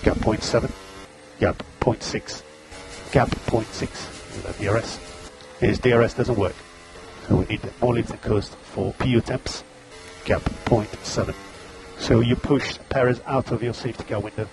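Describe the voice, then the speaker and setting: A man's voice: mid-range voice, fairly even intonation, normal speed, background noise. A man working as race engineer, giving terse, clipped pit radio calls over a team radio link, repeating gaps and status updates. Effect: team radio transmission.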